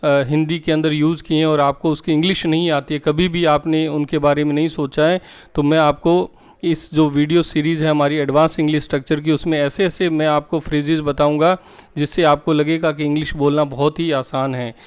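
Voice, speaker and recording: Clear-voiced teacher. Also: male voice, fairly high pitch, flat delivery. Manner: reads each English example slowly twice; explains in Hindi, addresses students directly. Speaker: English teacher. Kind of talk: Hindi-medium English lesson.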